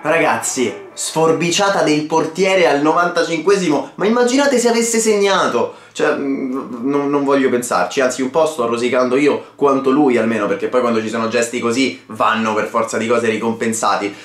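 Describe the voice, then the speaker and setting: A man's voice: medium pitch, moderate pace, hardly any pauses, faint music behind. A young man casually narrating his vlog to camera as a football commentator. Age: young adult. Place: small indoor room. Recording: roomy, echoing indoor sound.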